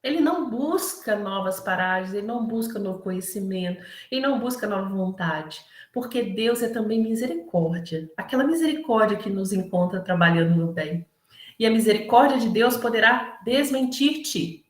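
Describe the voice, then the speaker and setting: A woman's voice: medium pitch, expressive, moderate pace, echoey room. A Brazilian woman from Minas Gerais giving a spiritist talk, earnest and conversational, often asking "né?" and acting out the voices she quotes. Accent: Brazilian Portuguese, Minas Gerais. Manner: earnest and conversational, frequent tag questions, acts out quoted voices. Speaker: spiritist lecturer. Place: lecture hall of a spiritist center.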